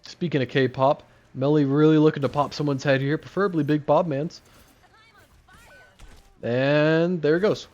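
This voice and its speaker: A man's voice: on the high side, fairly even intonation, normal speed, pauses often, darkish tone, lo-fi sound, faint music behind. A man casting an esports match as play-by-play commentator, joking and laughing between calls. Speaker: esports caster.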